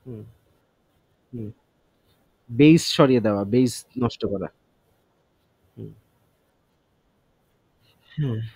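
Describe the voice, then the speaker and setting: Guy going over vocab words out loud, dry close sound, thinks as he talks. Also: mid-range voice, takes it slowly, long pauses, husky, dry recording. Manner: thinks aloud, self-testing word by word; mixes English words into Bengali explanations. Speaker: vocabulary teacher. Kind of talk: casual vocabulary study session.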